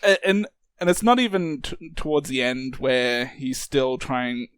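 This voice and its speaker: A man's voice: unhurried, fairly bright tone, smooth, dry recording. A man co-hosting a casual podcast about movies, laughing often and restarting his sentences. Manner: laughs often, restarts sentences, quotes lines in high put-on voices. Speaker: podcast co-host.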